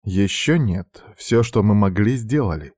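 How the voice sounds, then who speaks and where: A man voicing a cold, stern middle-aged headmistress who speaks in a measured, lecturing way. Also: lowish voice, expressive, darkish tone, slightly rough, no room sound, clean studio sound.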